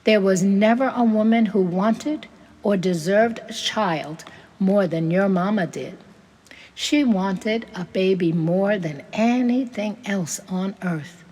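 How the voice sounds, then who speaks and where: A woman voicing a grieving older immigrant farm woman, telling old family memories in a gentle, tearful way. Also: medium pitch, takes it slowly, husky, big-room sound. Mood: wistful.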